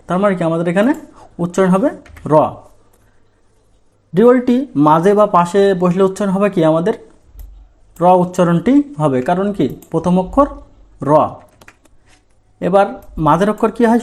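A man's voice: high-pitched, darkish tone. A male language teacher giving a lesson, asking questions and answering them himself. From Bangladesh. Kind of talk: lesson in Bengali.

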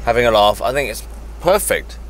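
A man's voice: mid-range voice, expressive, fairly quick, a crowd in the background, rough recording. A man in his thirties chatting casually and jokingly while riding in an open-top car, recorded by a camera in the car. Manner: easygoing, joking. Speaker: vlog co-host. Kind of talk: casual chat. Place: open-top car outdoors on city streets. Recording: traffic and wind noise.

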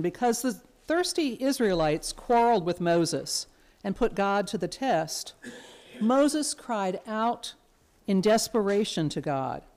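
A woman serving as lector, giving a formal scripture reading in a church in a measured, even way. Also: medium pitch.

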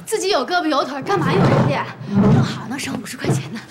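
Casting: a bright, bustling young wife, high voice, lively pitch, drama. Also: female voice, very noisy. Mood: brisk. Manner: brisk, bright, quick. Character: energetic young wife and businesswoman.

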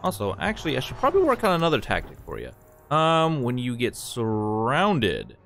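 A man's voice: medium pitch, huge pitch swings, moderate pace, a bit bright, soft background music. A man casually commenting while playing a video game, chatty and amused. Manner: chatty, amused, reacts aloud. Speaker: gaming let's-play host.

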